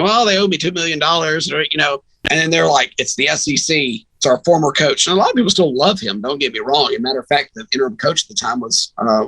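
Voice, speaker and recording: A man appears as a podcast guest chatting casually about sports, opinionated and emphatic, often wandering off into asides. His voice is a little high, bright and forceful. The recording is low quality, with no room sound.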